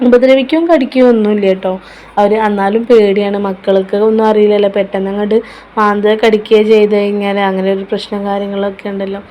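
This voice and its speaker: Chatty mother, even flat tone. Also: medium pitch, fast, lo-fi sound, slight background noise. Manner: chatty, keeps adding a tag word, warm motherly advice. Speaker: vlogger. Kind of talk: casual vlog chat.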